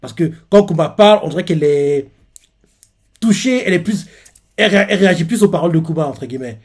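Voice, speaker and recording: A man's voice: fairly high pitch, lively intonation, fast talker, a little mellow. A man hosting a manga reaction, casually recapping a chapter in a hesitant way with many fillers and self-corrections.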